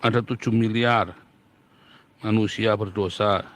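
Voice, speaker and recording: A man's voice: lowish voice, fairly even intonation, unhurried. A middle-aged man preaching a Bible lesson, reading scripture aloud and firing rhetorical questions with mocking imitations. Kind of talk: sermon-style Bible teaching.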